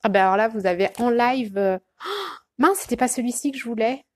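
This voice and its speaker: A woman's voice: a little high, brisk, darkish tone, no room sound. Woman, life coach, casual live chat, hesitant, lots of fillers, dry close sound. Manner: hesitant, many fillers and restarts; chatty, greets viewers by name.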